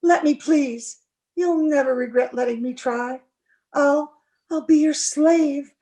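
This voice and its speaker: Playing a sorrowful young bride longing for love, a woman performs in a gothic radio play with a high, dark voice at a slow pace. It's old-time radio acting: theatrical, pleading, and full of emotion.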